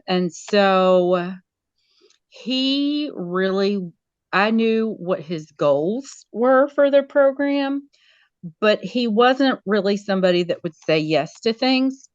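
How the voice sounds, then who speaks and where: A woman, a school media specialist, talking casually as an interview guest in an animated way. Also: medium pitch, slow pace, dry recording, lo-fi sound. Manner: animated, acts out quoted voices.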